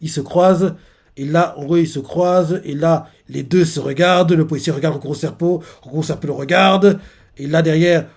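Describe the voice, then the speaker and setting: A man's voice: on the high side, brisk, gravelly. A man hosting a live reaction, retelling a manga chapter in a rambling way full of fillers.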